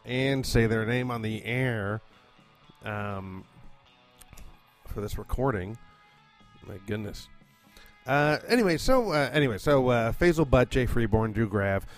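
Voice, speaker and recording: Rambling, profane man hosting a podcast. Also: fairly low pitch. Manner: chatty, profane, rambling with many fillers. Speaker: podcast host and producer. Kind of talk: casual rambling monologue. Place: condo at home.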